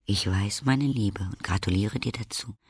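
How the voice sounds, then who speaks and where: A man's voice: fairly low pitch, normal speed, husky, dry recording. Man reading a kind old sorceress. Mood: kindly. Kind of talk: audiobook reading.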